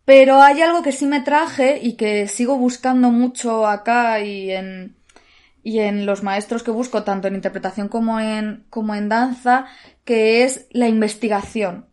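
A woman's voice: fairly high pitch, steady tone, a little slow, a little mellow. Nervous, laughing Spanish woman. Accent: Spanish, Spain. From Spain, Alicante. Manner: laughs often, searches for words, restarts. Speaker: guest actress. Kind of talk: casual podcast interview.

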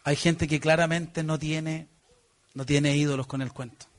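High-voiced Chilean pastor preaching. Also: male voice, fairly even intonation, measured pace. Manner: emphatic, asks the congregation questions; swings between loud exclamations and hushed, earnest passages. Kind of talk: sermon.

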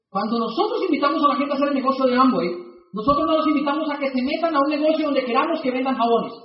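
A man with a Colombian accent and a very high voice tells a story to an audience and acts out each part of the conversation. He sounds far from the mic in an echoey room. The recording is dull and muffled. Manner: animated storyteller acting out dialogue. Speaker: motivational speaker.

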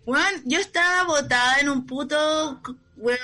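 A Chilean woman guest spins animated stories, swearing freely and acting out the voices of others as she laughs. Her voice is high and bright. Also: unhurried. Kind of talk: casual storytelling chat.

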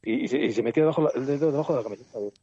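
A man's voice: mid-range voice, rapid-fire, slightly rough, dry recording. A man with a Spanish accent telling rambling street anecdotes in casual chat, with restarts and swearing. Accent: Spain Spanish. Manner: rambling, animated storytelling with many restarts and swearing. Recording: slightly muffled dry recording.

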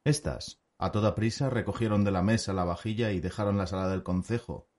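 A man narrating an audiobook in an even storytelling manner. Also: on the low side, a little fast.

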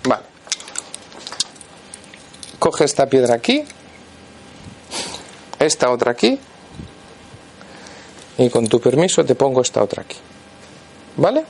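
A man's voice: medium pitch, very animated, takes it slowly, creaky, long pauses, a little mellow, slight background noise. A man, a therapist guiding a volunteer through a live demonstration before an audience and checking in constantly as he instructs.

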